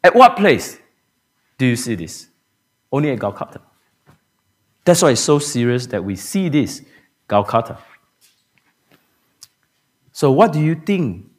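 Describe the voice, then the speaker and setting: Animated man preaching a sermon. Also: high-pitched. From Singapore. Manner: animated preaching with rhetorical questions to the congregation. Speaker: pastor. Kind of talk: Good Friday sermon. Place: church sanctuary.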